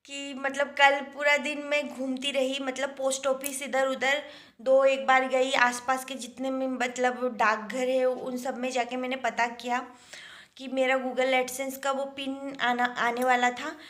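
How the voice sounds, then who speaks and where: Young woman, high pitch, casual rambling vlogger talking at home. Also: fairly bright tone. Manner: chatty, rambling, many fillers. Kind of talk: casual daily vlog.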